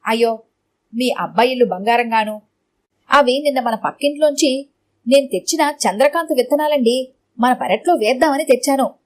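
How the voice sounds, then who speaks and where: A woman's voice: high-pitched, moderate pace, pauses often, lightly acted. A woman voicing a fussy, anxious middle-aged housewife in a storybook reading, speaking politely and in a flustered way.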